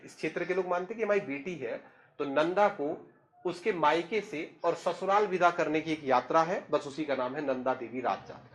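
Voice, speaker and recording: A man, telling a story in a chatty, humorous way and speaking straight to the listener. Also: a little high. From Uttarakhand, India. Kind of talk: casual spoken storytelling.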